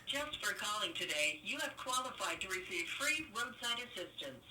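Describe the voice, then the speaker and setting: A woman's recorded automated phone message, reading scripted menu prompts as a smooth promotional sales pitch. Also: sing-song, normal speed, sharp tone, a little hiss or hum. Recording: roomy speakerphone heard from a distance.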